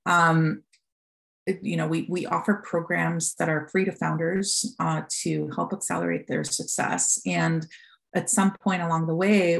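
Gravelly woman from Costa Rica. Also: on the low side. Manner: candid storytelling with many fillers. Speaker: venture fund founder, guest. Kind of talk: podcast interview.

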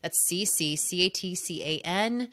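Her pitch is fairly low, her pace measured, and her tone a bit bright. As host of a love coaching podcast, she opens and promotes the episode, addressing listeners intimately in a gushing manner and stressing key words.

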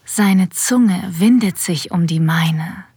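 A woman voices a sensual, confident female boss having a secret affair in an erotic audio drama, giving ASMR-like scripted first-person narration in a breathy whisper. Her lowish, slightly mellow voice is exaggerated, slow, intimate and deliberate, sounding aroused. A close, dry studio mic leaves no room sound.

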